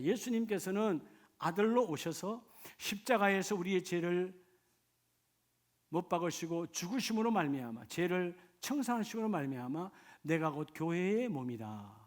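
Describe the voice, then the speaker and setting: A middle-aged male pastor from the Gyeongsang region preaching a sermon in a church, moving between soft personal storytelling and loud, fervent exhortation. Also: high voice. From Gyeongsang region, Korea. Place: church sanctuary.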